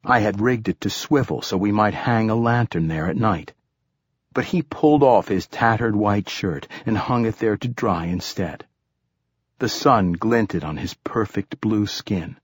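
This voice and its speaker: Brief: male audiobook narrator, low husky voice, dry close recording, measured pace. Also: no echo. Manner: steady, measured storytelling.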